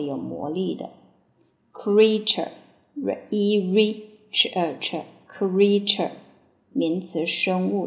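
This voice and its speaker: Slow, gravelly woman drilling vocabulary. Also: lowish voice, reverberant. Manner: spells words letter by letter, repeats each word, then gives meanings. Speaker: English vocabulary teacher.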